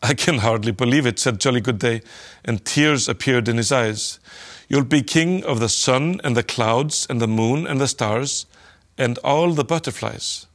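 A man reads a children's storybook aloud at a middle pitch. His telling is gentle and steady, and his voice rises slightly when the children speak. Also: a little slow. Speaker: storyteller reading a children's book.

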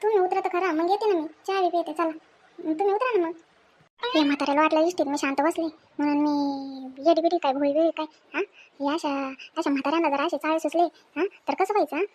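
A woman, acting as a sharp-tongued, fearless village woman in an amateur family skit, scolding and teasing in quick speech. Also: high voice, steady tone, lightly acted. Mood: mocking.

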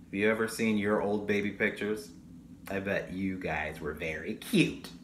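A young man reads a picture book to kids expressively, breaking off for chatty comments to his small listeners, though his low voice holds a level tone at a normal speed. There's a roomy echo and audible background noise in the recording.

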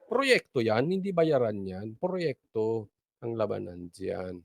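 A man's voice: fairly low pitch, sing-song, takes it slowly, creaky. A man hosting casual political commentary, mocking and laughing often and repeating his points for emphasis.

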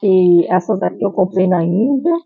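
A woman's voice: medium pitch, expressive, normal speed, gravelly, husky, no room sound. A middle-aged woman presenting an explanatory vlog as the channel's host. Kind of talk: explanatory vlog, partly read from a script. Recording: thin phone-like sound.

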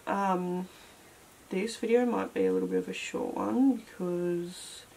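A twenty-something beauty vlogger speaks a little slowly in a medium-pitched, creaky, darkish voice whose pitch swoops wildly. She rambles with many fillers during a casual clean-with-me chat while tidying. The cluttered indoor bedroom beauty room is captured with noisy home camera audio.

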